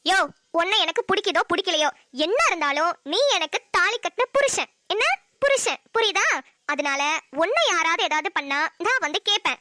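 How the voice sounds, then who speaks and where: A woman's voice: very high voice, animated, moderate pace, pushed and bright, no echo, studio quality, full character voice. A woman voicing a hot-tempered young wife in a cartoon, a medical student who scolds and threatens sharply. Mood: angry. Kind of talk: cartoon voice acting.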